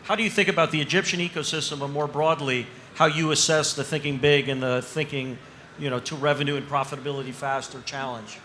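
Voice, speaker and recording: A man's voice: a little high, fairly even intonation, fast talker, sharp tone, slight background noise. A man moderating a panel discussion on stage, probing his guests and pushing them for specifics. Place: stage in a large tent with an audience. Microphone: handheld mic.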